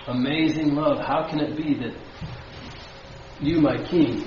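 A man's voice: a little high, steady tone, a little slow, noisy background. A man preaching a sermon as pastor to a congregation, asking them questions and building emphasis. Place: church sanctuary. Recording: dull, very echoey hall from far off.

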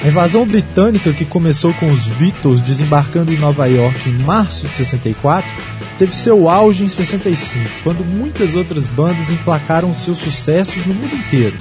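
A man's voice: fairly high pitch, expressive, a little fast, music in the background. A man with a Brazilian accent reading scripted history narration as a show host, with a wry manner.

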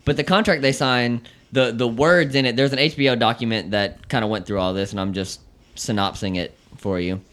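A man co-hosting a casual talk show, explaining at length with many restarts and pauses. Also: mid-range voice, a bit bright. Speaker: podcast co-host. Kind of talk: casual chat.

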